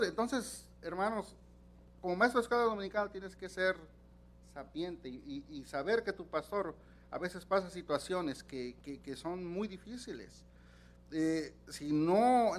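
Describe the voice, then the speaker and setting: A middle-aged male preacher, preaching a sermon with animated storytelling, acting out voices and repeating words. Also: high-pitched.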